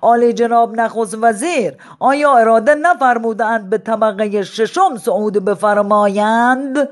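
A reader voicing an old man, a retired politician, who speaks slowly in flowery formal phrases. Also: mid-range voice, pitched above the performer's own voice, lightly acted. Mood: ceremonious. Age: older. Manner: slow, flowery, formal address.

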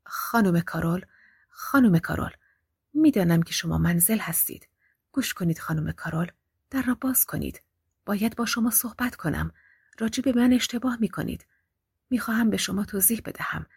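A man's voice: high voice, lively intonation, breathy edge, no room sound, studio quality. Woman doing a coaxing, menacing male intruder. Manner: coaxing, insistent pleading through a door.

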